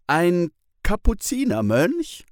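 A man's voice: high-pitched, wildly swooping pitch, slow pace, no room sound, clean studio sound, pitched above the performer's own voice, full character voice. A man reading a children's story, voicing a curious young schoolgirl in a raised, questioning voice.

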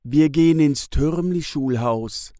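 A man's voice: a little high, slow pace, mellow, no echo, studio quality, voice pushed up. A man reading a children's story, voicing a curious young schoolgirl in a raised, questioning voice.

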